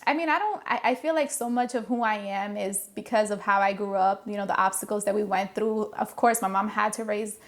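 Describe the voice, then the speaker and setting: A woman's voice: mid-range voice, brisk, hardly any pauses. A woman, openly and earnestly telling her life story as a podcast guest. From Providence, Rhode Island. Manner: open, earnest, reflective. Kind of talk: casual personal storytelling.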